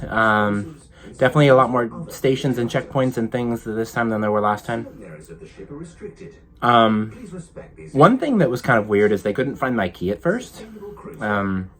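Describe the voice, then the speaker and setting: A slightly out-of-breath man vlogging casually from a ship cabin, rambling with many ums. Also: mid-range voice. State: a little out of breath. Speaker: travel vlogger. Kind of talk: casual vlog to camera.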